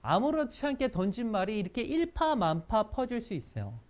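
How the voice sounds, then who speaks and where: Animated workplace-etiquette instructor. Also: mid-range voice, a little fast. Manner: lively, acts out example lines in quotes. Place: school training session.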